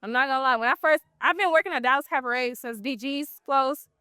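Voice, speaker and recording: A woman, an exotic dancer being interviewed, telling blunt, profane stories in a casual, animated way. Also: high-pitched, fast talker, smooth, dry recording, clean studio sound.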